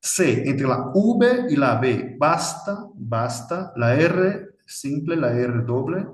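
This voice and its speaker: A Brazilian man with a Portuguese accent, teaching a language lesson in a deliberate way and often adding a questioning tag. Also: medium pitch, lively intonation, a little mellow, reverberant, poor audio. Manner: deliberate, frequent tag "¿no?", slow spelled-out examples. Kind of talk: instructional explanation.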